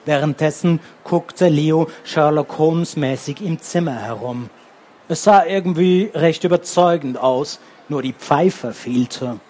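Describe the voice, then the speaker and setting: Slightly husky male storyteller. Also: on the high side, measured pace, mellow. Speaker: audiobook reader. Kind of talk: scripted children's book narration.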